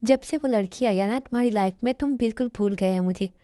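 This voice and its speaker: A woman's voice: fairly high pitch, fast talker, dark tone, dry recording, studio quality, close to an everyday voice. A woman voicing a jealous young first wife in a fan dub drama, speaking in an accusing, insistent way.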